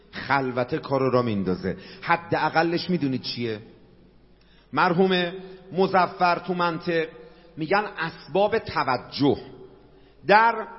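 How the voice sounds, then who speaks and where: Impassioned high-voiced preacher in a reverberant hall. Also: male voice. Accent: Qom Persian. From Qom, Iran. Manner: impassioned, rhetorical questions, Arabic quotations. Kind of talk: sermon. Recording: dull lo-fi sound with long hall reverb.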